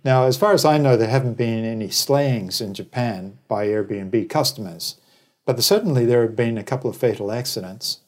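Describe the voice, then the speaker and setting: His voice is medium-pitched, slightly mellow and moderately paced: a travel business operator from New Zealand, later an Australian resident, speaking as an interview guest. The talk is conversational and discursive, opinionated and sprinkled with wry anecdotes.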